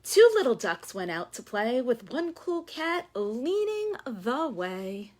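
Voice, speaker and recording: A woman with a fairly high voice runs a storytime for young children. She takes her time with each phrase, as a librarian reading aloud and leading sing-alongs. She addresses the children directly and invites them to join in. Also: very animated, slow, a little mellow.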